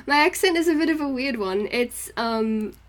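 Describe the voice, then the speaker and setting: A young woman's high-sitting voice carries lively intonation at a moderate pace as she rambles informally to her art livestream viewers, giggling along the way. She grew up partly in northeast England and partly in New Zealand, and her accent reflects both.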